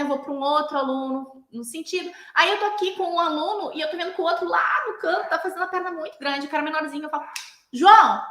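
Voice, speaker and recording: A woman's voice: high voice, sharp tone, echoey room. A Brazilian woman, a Pilates instructor, explaining teaching technique and often checking in with "né?". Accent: Brazilian Portuguese. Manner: explanatory, with frequent "né?" tag questions.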